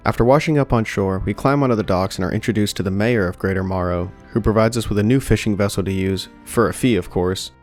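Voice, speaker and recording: A young man narrating a scripted video game review in a steady, dry way with light jokes. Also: on the low side, fast talker, hardly any pauses. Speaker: gaming YouTuber. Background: soft background music.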